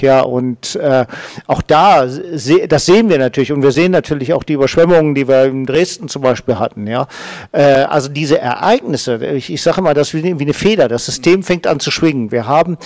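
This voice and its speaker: A man's voice: mid-range voice, darkish tone, dry recording. A man in his fifties speaking on a panel with a handheld mic, explaining with tag questions and stammered repeats. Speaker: professor, panel guest. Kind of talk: panel discussion. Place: small event studio with glass wall.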